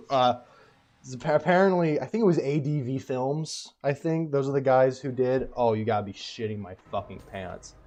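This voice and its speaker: A man's voice: mid-range voice, moderate pace, darkish tone. A man co-hosting a casual gaming chat, loose and joking, often swearing. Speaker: co-host.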